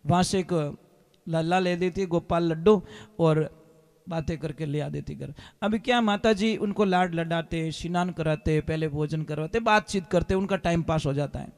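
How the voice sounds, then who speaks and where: High-voiced preacher telling stories. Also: male voice, normal speed. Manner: animated storyteller, switching into character voices. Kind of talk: devotional sermon storytelling. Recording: long hall reverb.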